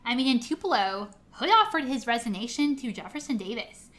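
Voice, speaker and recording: A woman's voice: fairly high pitch, lively intonation, fairly quick, fairly bright tone. A woman co-hosting a history podcast, reading scripted historical narration, recorded in an attic. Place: indoors in the attic of a historic house. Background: air conditioning may be running.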